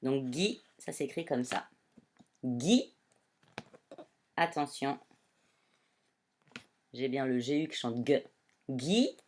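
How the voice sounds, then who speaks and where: A woman primary school teacher giving a reading lesson to young children, speaking slowly and clearly as she addresses them. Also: a bass voice, darkish tone, slight background noise.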